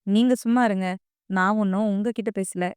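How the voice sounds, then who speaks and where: A woman voicing a furious middle-aged mother who hurls sharp, shouting accusations at her family in an audio drama reading. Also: medium pitch, steady tone, moderate pace, clear, resonant tone, dry recording, clean studio sound, close to an everyday voice.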